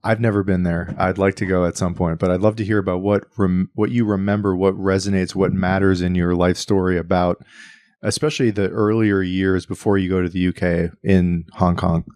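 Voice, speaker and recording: A man's voice: deep voice, little pitch movement, fairly quick, dry recording, clean studio sound. A man interviewing a guest, asking curious questions and humming along as he listens. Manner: curious, many soft listening hums. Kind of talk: casual interview.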